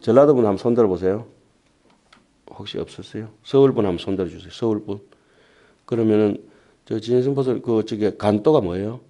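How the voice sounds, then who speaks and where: A middle-aged Buddhist monk from Korea's Gyeongsang region, with a Gyeongsang accent and a lowish, mellow male voice, lectures lay Buddhists on a sutra in a temple lecture hall with an audience present. He reads the text slowly and deliberately, then breaks off into fast, chatty asides to the listeners.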